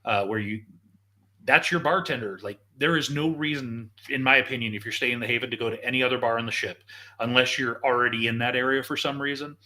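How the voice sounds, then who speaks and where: A man's voice: medium pitch, fairly even intonation, fast talker, pushed and bright. A man hosting a casual live show, enthusiastically walking viewers through video footage like a tour guide. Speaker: show host.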